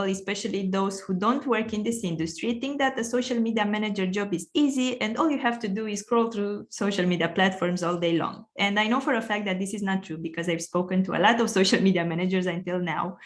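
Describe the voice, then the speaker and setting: A woman's voice: mid-range voice, fairly quick. A woman hosting a podcast, speaking as an interviewer in conversation with a guest. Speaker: podcast host. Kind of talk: interview questions.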